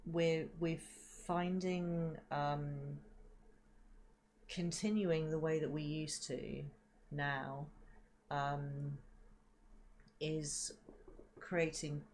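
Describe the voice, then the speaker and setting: A woman giving a spiritual card reading in a slow, soft, reflective way, with frequent ums and repeated words, into a desk microphone at home. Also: deep voice, little pitch movement, a little hiss or hum. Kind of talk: livestreamed tarot reading.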